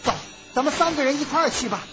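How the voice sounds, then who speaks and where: A woman storyteller voicing a lively young concubine who coaxes playfully. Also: high voice, fast, very noisy, pitched above the performer's own voice. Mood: coaxing. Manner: coaxing, playful. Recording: dull lo-fi recording with music.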